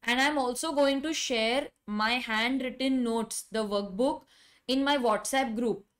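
High-pitched Indian woman teaching a class. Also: measured pace. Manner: emphatic, repeats key phrases. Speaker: law teacher. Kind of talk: live online lecture with direct questions to students.

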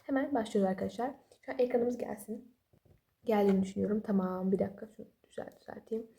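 This study vlogger, a young woman at home late at night, gives casual study advice without a proper microphone. Her medium-pitched voice is fast, dark-toned and marked by vocal fry. She rambles sleepily and apologetically, staying chatty and joking about herself.

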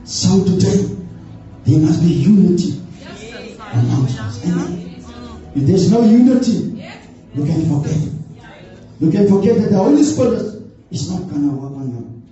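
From a church hall stage, a middle-aged elder gives an earnest, very animated sermon full of "amens," his high, mellow voice a little slow and pausing often. Faint music plays in the background, and the distant camera makes the indoor hall sound muffled and echoey.

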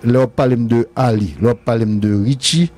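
Haitian male commentator, rapid rambling delivery, mellow dark tone, repeats himself. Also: mid-range voice. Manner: rambling, repeats phrases, laughs often. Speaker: music commentator. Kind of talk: casual radio-show debate.

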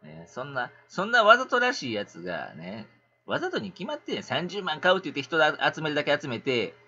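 A middle-aged man with a Kansai accent, chatting on a casual livestream in an animated, rambling, ranting way. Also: on the high side, quick pace, slightly rough, lo-fi sound.

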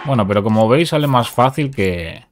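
A man's voice: mid-range voice, animated, moderate pace, soft background music. Man narrating a game glitch. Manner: talks through steps, repeats short commands. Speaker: gaming youtuber. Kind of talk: casual game tutorial commentary.

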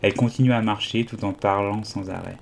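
A man reading an audiobook aloud in a calm storytelling manner. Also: fairly low pitch, a little fast, vocal fry, slight background noise. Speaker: audiobook reader. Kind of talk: audiobook narration.

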